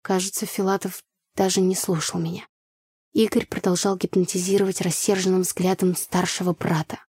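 A woman narrating a first-person audiobook story with an even, storytelling delivery. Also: fairly low pitch, normal speed, slightly rough, no echo, clean studio sound.

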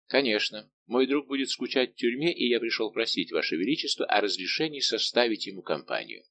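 A man reading an audiobook, voicing a middle-aged musketeer captain who answers calmly, respectfully and without yielding. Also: mid-range voice, fairly quick, gravelly, full character voice. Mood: calm defiant. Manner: calm, steady, respectful but unbending.

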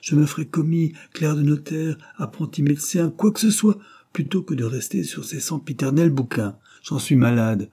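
A man's voice: medium pitch, moderate pace, mellow, husky, pitched above the performer's own voice, natural voice. A male narrator voicing a petulant young man who pleads and sulks in an audiobook. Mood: petulant pleading. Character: sulky restless young man student. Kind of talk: audiobook character reading.

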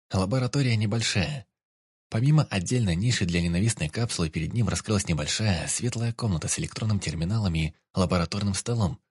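A male narrator reads a science-fiction audiobook in a low, husky voice. The recording is dry and close, with no room sound. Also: darkish tone, dry recording.

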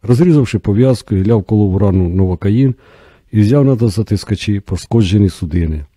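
A man narrating an audiobook in a steady, measured storytelling manner. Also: lowish voice, husky, no echo.

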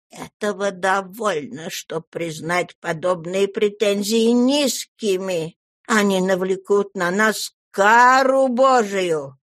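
Woman doing a frail old uncle in slow wrath. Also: on the high side, fairly bright tone, no room sound, clean studio sound, pitched above the performer's own voice. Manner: slow, solemn, thundering protest. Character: frail old man, fierce in sudden wrath.

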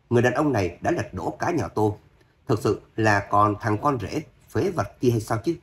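A man narrating an audio novel in a steady, dramatic storytelling manner. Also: lowish voice.

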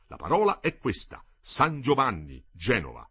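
A man's voice: mid-range voice, wildly swooping pitch, normal speed, bright, forceful tone, slightly rough, exaggerated voice. A man voicing a stern, touchy military chief of staff in an audiobook, giving curt orders. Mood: commanding. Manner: curt, commanding.

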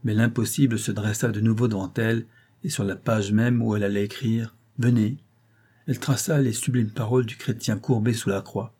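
Husky, warm male storyteller. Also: lowish voice, steady tone. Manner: measured, dramatic storytelling. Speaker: narrator. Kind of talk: audiobook reading of a classic novella.

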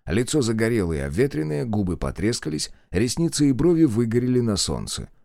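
A man narrating an audiobook in an expressive storytelling manner. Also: medium pitch, fairly quick, creaky, no echo, studio quality. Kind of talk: scripted narration.

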